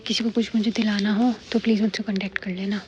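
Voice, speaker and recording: A chatty, bubbly young woman vlogs to her viewers, speaking to them directly as she moves through city streets, shops and home. Her medium-pitched voice is flat and fast, picked up on a phone mic with the highs cut off and noisy street and shop sound around her.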